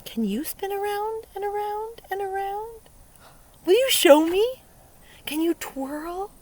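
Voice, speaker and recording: With a very high voice, an early learning teacher gives young children an interactive picture-book read-aloud out by a lake. She's expressive and playful, pausing for questions and performing the sound words, and steady ambient noise from the water is audible throughout.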